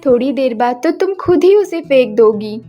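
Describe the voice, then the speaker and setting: A woman voicing a caring middle-aged mother who soothes and gently scolds her daughters, over background music. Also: sits high, lively intonation, moderate pace, dull audio. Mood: motherly. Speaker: voice actor. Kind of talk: dubbed cartoon acting.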